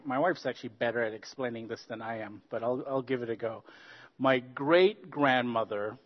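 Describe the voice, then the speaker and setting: A man tells personal stories at a church workshop, filling pauses with ums and uhs. His voice sits at a middle pitch and rings out with a long hall echo. The recording is dull and lo-fi. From Zambia. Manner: relaxed, anecdotal, frequent ums and uhs. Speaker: workshop speaker. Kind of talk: storytelling talk at a church workshop.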